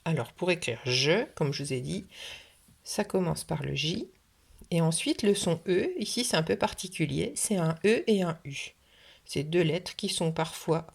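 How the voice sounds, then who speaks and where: A kindergarten teacher with a fairly low, gravelly, breathy voice leads a phonics lesson for young children, patiently sounding out every syllable. It was recorded for video in a French classroom or home.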